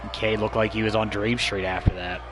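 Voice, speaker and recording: Lower-voiced man doing wrestling commentary. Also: flat delivery, a little fast, music in the background, rough recording. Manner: clipped, punchy move-by-move calls.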